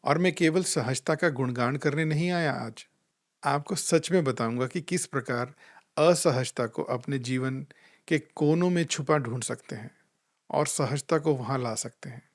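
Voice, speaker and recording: A man giving a calm, reflective spiritual talk. He tells gentle anecdotes and acts out the voices he quotes. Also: medium pitch, a little slow. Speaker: spiritual life coach.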